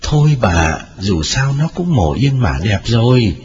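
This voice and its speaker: A man voicing a weary older husband who tries to calm his wife in a flat, matter-of-fact tone. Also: mid-range voice, measured pace, dull audio. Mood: dismissive.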